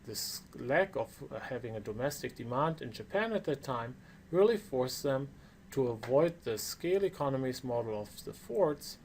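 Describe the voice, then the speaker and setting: Animated non-native English man lecturing. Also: medium pitch, gravelly, slight background noise. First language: not English. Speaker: course lecturer. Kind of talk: prepared lecture.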